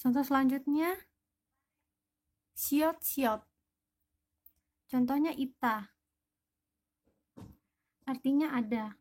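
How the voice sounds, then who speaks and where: Woman teacher, high voice, slow pace, mellow tone, patient explanations. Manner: patient, spells out each example word. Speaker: Korean language teacher.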